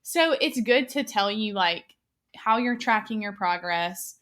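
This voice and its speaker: A woman's voice: mid-range voice, expressive, measured pace, a bit bright. A woman in her twenties hosting a podcast, chatting casually with lots of fillers. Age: 20s. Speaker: podcast host. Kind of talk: casual chat.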